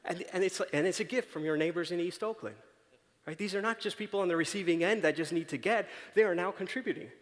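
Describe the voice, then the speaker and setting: A man's voice: fairly high pitch, fairly bright tone. A man giving a conversational, story-driven talk on stage, often checking in with the audience by asking "right?". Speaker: conference speaker. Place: large auditorium stage. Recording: long reverb of a large hall.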